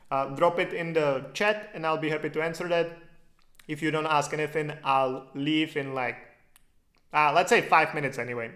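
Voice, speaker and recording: Here a man from the Czech Republic chats loosely through a live Q&A stream, his English Czech-accented and packed with fillers. The voice is fairly high and fairly bright, and the recording carries a roomy echo.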